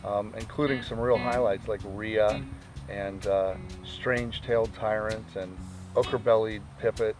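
A man's voice: on the low side, steady tone, unhurried, over music. A man, a birdwatching journalist, giving chatty, upbeat interview answers outdoors on a lakeside lawn.

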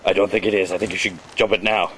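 A man behind a handheld camera outdoors, bossing a friend through silly tasks and yelling excitedly at times. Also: deep voice, fast talker, background noise. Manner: bossy and joking, breaks into excited yelling. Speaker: camera operator giving tasks. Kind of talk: goofy home-video comedy. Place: outdoors in a neighborhood.

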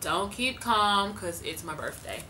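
A woman's voice: medium pitch, expressive, a little slow, bright, forceful tone, a little hiss or hum, poor audio. A woman in her twenties chatting casually to camera from her living room, talking loosely with lots of fillers and laughs. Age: 20s. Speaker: vlogger.

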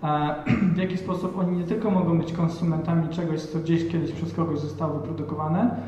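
A man's voice: a little high, steady tone, a little fast, warm tone. A man in his thirties from Poland, speaking hesitantly at an event into a handheld mic, with many fillers and restarts. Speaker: panel speaker. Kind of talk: reflective talk at an event. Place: large hall with audience. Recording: echoey hall, distant and dull.

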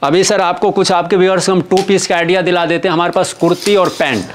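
A young adult man, a shop owner, giving a rapid, eager sales pitch to a vlogger in an indoor clothing warehouse, on a lapel mic. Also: steady tone, a little hiss or hum. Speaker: shop owner showing stock.

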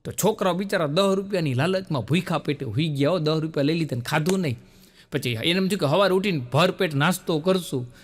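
Man, stand-up comedian, high voice, acts out characters. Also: fast. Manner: storytelling with many quoted voices, punchlines met by laughter. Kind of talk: stand-up joke telling. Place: stage show with a laughing audience.

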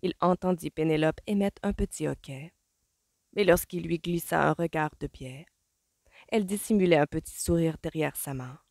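A woman reading a novel aloud as an audiobook, with measured storytelling. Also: sits low, vocal fry, a little mellow, dry recording, clean studio sound. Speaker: audiobook reader. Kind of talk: novel narration.

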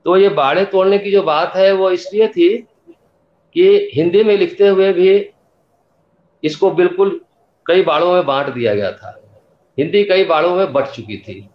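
An older male poet explains his views thoughtfully, pausing as he works through his ideas. His voice is slightly high. It comes through a roomy echo, and the sound is dull and lo-fi. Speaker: guest poet. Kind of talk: conversational interview answer. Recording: echoey, dull-sounding remote audio.

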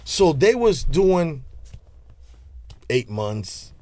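A man's voice: on the high side, extremely slow, dry recording. A man in his forties with a New York accent, telling stories in a casual interview, heavy on street slang and restarts. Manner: street slang, animated hand gestures, many restarts. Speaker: interview guest. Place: small studio with leather couch. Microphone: studio mic on stand.

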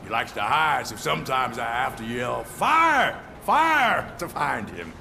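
Animated, creaky-voiced aggrieved citizen. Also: male voice, mid-range voice, a little slow, a little hiss or hum, full character voice. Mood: earnest, aggrieved. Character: indignant, oblivious male dog owner complaining to police.

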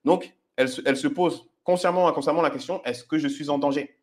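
A dating coach with a voice on the high side talks at a quick pace over footage of his own approaches. He explains his dating advice to viewers directly and instructively, often checking in with "ok?".

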